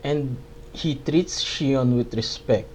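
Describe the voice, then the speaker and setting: A man's voice: mid-range voice, takes it slowly, darkish tone, a little hiss or hum, low-quality recording. A man narrating a video essay that reviews a game, with dry sarcastic asides.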